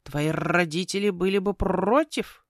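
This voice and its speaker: A woman voicing a pompous, ever-hungry male raven spirit who lectures slowly in a croaking tone, in a fantasy audiobook. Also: fairly low pitch, no room sound, clean studio sound. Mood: lecturing. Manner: slow, self-important, croaking lecturer. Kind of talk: audiobook character voice.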